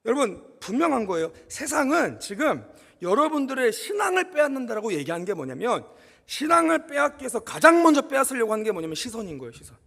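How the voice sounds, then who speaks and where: A man preaching a sermon in a church, telling a personal story in an animated way and speaking straight to the congregation. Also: very high voice, quick pace, creaky, big-room sound. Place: church sanctuary.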